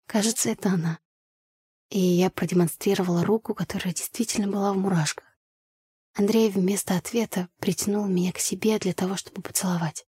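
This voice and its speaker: A woman narrating a first-person audiobook story with an even, storytelling delivery. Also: medium pitch, a little fast, breathy edge, dry recording, clean studio sound.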